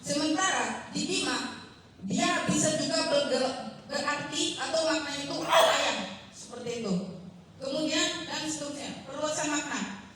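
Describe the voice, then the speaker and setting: A woman's voice: high voice, a bit bright, a little hiss or hum. Young woman doing a seminar talk, lots of ums and sorry-let-me-fix-that, super echoey, mic far away. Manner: halting, apologetic, many fillers and self-corrections. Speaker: student presenter. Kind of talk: academic seminar presentation.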